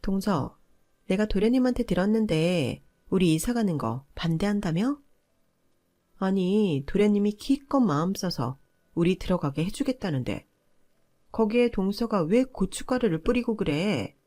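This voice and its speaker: A woman's voice: mid-range voice, animated, normal speed, close to an everyday voice. A woman voicing a pushy, scolding older sister-in-law who talks down to her. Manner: scolding, bossy, loud.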